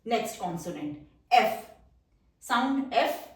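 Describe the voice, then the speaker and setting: A woman teacher with a high voice walks through a shorthand lesson step by step. She repeats each sound slowly and keeps checking that the viewer is following. The recording is roomy and echoey. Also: lively intonation, far from the mic.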